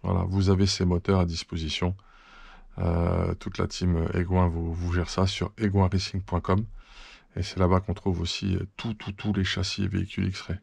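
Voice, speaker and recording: A man's voice: low voice, little pitch movement, moderate pace, vocal fry, a little mellow, breathy edge, dry recording. A man hosting a hobby channel, chatting through an unboxing, thankful and full of fillers and restarts. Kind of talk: casual unboxing chat.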